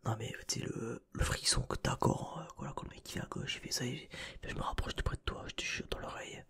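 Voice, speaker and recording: Whispering straight into the listener's ear over a close binaural microphone, this male ASMR host keeps up a quick, rambling, informal chat. His mid-range voice holds a steady tone that is sharp, creaky and a little breathy.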